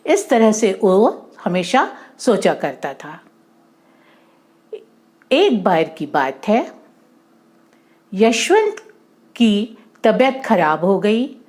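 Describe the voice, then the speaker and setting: In a medium-pitched voice, a woman narrates a moral story for children, explaining expressively, repeating and rephrasing her points, and mixing in English words.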